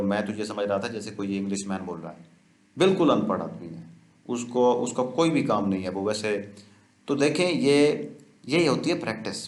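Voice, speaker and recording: A man's voice: fairly low pitch, echoey room. Repetitive male English teacher. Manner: explains slowly, repeating each phrase. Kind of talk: YouTube lecture.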